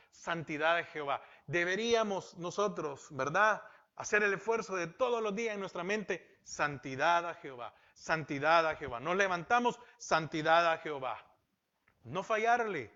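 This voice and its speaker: Male pastor, sermon delivery, rhetorical questions, bright forceful tone, lo-fi recording. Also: high voice. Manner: asks rhetorical questions and repeats key phrases. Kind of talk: Bible-teaching sermon. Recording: dull lo-fi sound.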